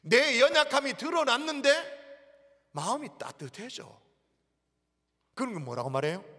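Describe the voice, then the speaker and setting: A man's voice: sits high, sharp tone. A pastor, a man, preaching emphatically to his congregation, asking them questions and acting out inner thoughts. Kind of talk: sermon. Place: church sanctuary. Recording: church hall reverb.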